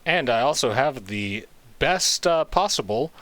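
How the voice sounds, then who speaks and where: A man's voice: mid-range voice, animated, measured pace, fairly bright tone, no echo. A man hosting a let's play, giving casual, jokey, self-mocking commentary over his gameplay.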